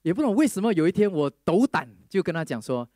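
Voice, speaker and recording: Male preacher, storytelling testimony, slightly high voice, dry close sound, acts out the people in his story. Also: fast talker, no room sound. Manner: lively storyteller who mixes English phrases into Mandarin.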